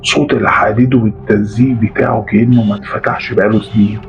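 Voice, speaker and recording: A man's voice: lowish voice, steady tone, fast. A man with an Egyptian accent telling a first-person horror story with tense, dramatic delivery. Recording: lo-fi with faint music.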